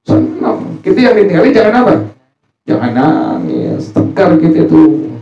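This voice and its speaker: A man's voice: high voice, lively intonation, a little fast, gravelly. A man teaching a religious study group in a casual, joking way, often putting questions to his listeners and answering them himself. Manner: jokey, asks the audience questions and answers himself. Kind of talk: informal religious study sermon. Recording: roomy, distant, muffled, faint music.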